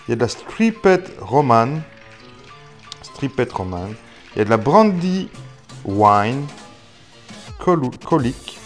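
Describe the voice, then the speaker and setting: A man's voice: lowish voice, a little mellow. A man from Belgium, chatting casually to camera about his seeds, full of fillers and restarts and self-mocking asides. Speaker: gardening YouTuber. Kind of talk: casual vlog talk to camera.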